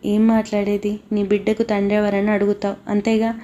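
A woman reading the part of a troubled young woman who hides a painful secret, in a soft, flat and wistful way. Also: mid-range voice, brisk, dull audio, slight background noise, lightly acted. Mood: resigned.

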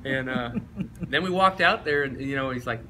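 A former football player in his forties, swaps stories in a relaxed chat. His voice sits a little high and rings bright, and he keeps breaking into laughter and high-pitched impressions. A faint hum of ambience sits under the recording. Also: brisk, low-quality recording. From East Tennessee. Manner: laughing anecdotes, bursts into high mimicking of his coach. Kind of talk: casual storytelling interview.

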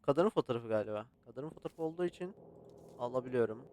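A man casually commentating a horror photography game, swearing and yelling at scares between calm muttering. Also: mid-range voice, fast. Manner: swears and yells at jump scares, chatty with the game. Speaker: gaming channel host. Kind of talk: casual let's-play commentary.

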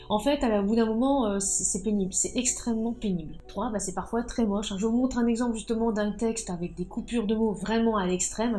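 A woman's voice: on the high side, darkish tone. A woman giving a casual tutorial on typography rules for writers, chatty and emphatic, dropping frequent fillers as she explains. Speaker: writing coach. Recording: echoey room with faint music.

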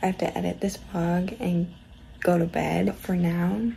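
A young woman vlogging from her dorm room in a casual, soft-spoken way, often half-whispering. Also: on the low side, level tone, unhurried, gravelly, a little hiss or hum, low-quality recording. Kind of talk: casual vlog chat.

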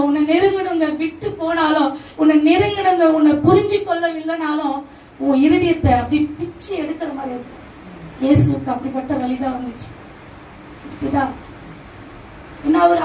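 High-voiced woman preaching in an echoey hall. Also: darkish tone, a little hiss or hum. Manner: rhetorical questions and emphatic repetition. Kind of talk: live sermon. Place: church meeting hall. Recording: echoey hall, distant mic, faint ambience.

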